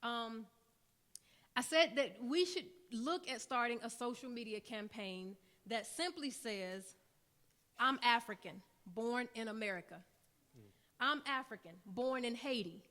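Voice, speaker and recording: A woman's voice: a little high, unhurried, sharp tone. Earnest woman speaking on a panel. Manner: earnest, building to rousing repeated lines. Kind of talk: panel talk at a summit. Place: conference room with an audience.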